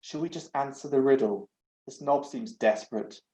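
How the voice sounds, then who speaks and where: A man voicing an earnest, soft-hearted young male adventurer who argues with some heat. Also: mid-range voice, normal speed, natural voice. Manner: earnest, mildly argumentative. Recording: echoey, dull home recording.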